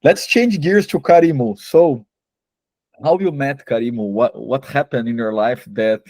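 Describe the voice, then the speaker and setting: A man's voice: mid-range voice, unhurried, a little mellow, dry recording. A man hosting an interview, asking friendly questions with phrasing. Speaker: host.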